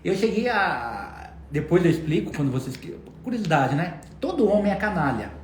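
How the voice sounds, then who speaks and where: Relaxed man in an echoey room. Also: sits high, normal speed. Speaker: co-host. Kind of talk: casual chat. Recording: echoey room, faint background noise.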